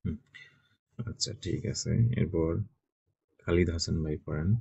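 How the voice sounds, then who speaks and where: Low gravelly man teaching online. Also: little pitch movement, a little slow, mellow, no echo. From Bangladesh. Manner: patient, checks in often with short questions. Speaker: Chinese language teacher. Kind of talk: online class teaching pronunciation.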